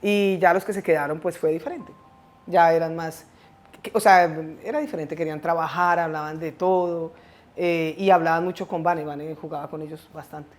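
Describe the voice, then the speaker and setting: Brief: middle-aged woman, slightly low voice, halting storyteller in a family chat. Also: fairly even intonation. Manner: hesitant, halting storytelling with restarts. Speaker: interviewee, mother of the host. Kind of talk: family conversation, recounting memories.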